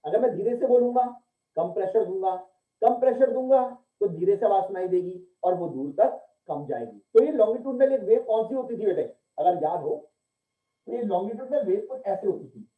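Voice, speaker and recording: A physics teacher with a high, expressive voice delivers a classroom lecture a little fast, asking questions and answering them himself while calling his students "beta." The sound is tinny and phone-like, in an echoey room.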